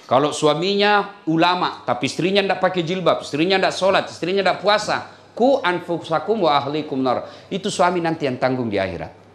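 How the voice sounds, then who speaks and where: A male Islamic preacher with a Makassar Indonesian accent, giving a humorous sermon in an animated, jokey way and often laughing as he talks. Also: on the high side, brisk, reverberant.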